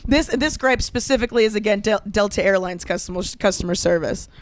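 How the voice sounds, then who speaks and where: A woman's voice: medium pitch, fast talker, no echo. A woman hosting a podcast, reading listener gripes aloud and chatting loosely, laughing often and swearing. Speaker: podcast host.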